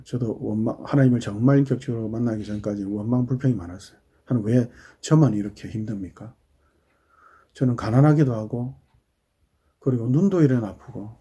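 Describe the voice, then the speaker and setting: This sermon comes from a middle-aged pastor whose mid-range voice is slightly rough. His style is conversational, as he asks the congregation questions and drops into quiet asides.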